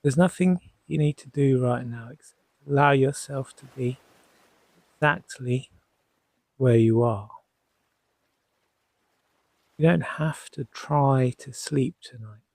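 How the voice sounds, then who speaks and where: A hypnotherapist guides listeners toward sleep in a mellow, creaky, mid-range voice, soothing and gently reassuring. He's unhurried, leaving long pauses so each short phrase settles, and the recording is dry and close.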